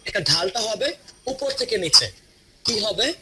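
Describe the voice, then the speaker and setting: Man teaching pronunciation over loud noise. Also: high voice, lively intonation. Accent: Bangladeshi Bengali. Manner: slow, drawn-out model phrases for repetition. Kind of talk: classroom lesson. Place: classroom.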